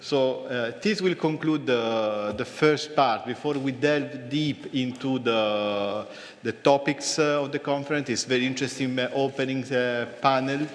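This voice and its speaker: A man chairing a formal conference, speaking haltingly as he searches for words. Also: medium pitch. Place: large conference hall. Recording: reverberant hall, noisy, clicks.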